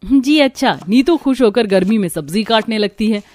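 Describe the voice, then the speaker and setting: A woman's voice: medium pitch, fairly quick, darkish tone, soft background music. A woman narrating a cartoon family story in a scripted storytelling style. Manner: storytelling, voices the family members too.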